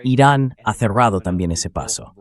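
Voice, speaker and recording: This is an AI-generated male voice, a synthetic translation voice, hosting conversational news commentary. It sits on the low side, expressive and moderately paced.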